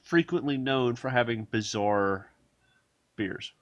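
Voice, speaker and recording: A man's voice: mid-range voice, expressive, dry recording, highs cut off. A man co-hosting a casual podcast who chimes in with jokes and laughs often. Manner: joking, chiming in, quick to laugh. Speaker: podcast co-host. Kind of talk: casual chat.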